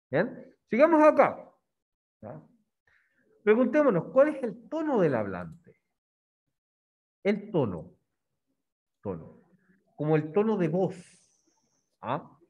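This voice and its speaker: Lively high-voiced teacher, muffled. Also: male voice. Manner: coaxing, questions students with frequent "¿ya?". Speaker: language teacher. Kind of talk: classroom lesson on reading poetry.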